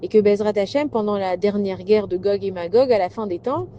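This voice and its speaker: A woman's voice: mid-range voice, fairly quick, warm tone, highs cut off, a little hiss or hum. A woman teaching a recorded religious class in a conversational, storytelling way with rhetorical questions.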